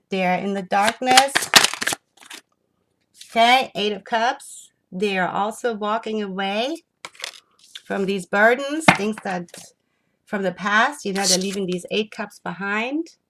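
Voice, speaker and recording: A woman giving an enthusiastic spiritual tarot reading, excitable and rambling as she turns the cards. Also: mid-range voice, slow, background noise. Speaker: tarot reader.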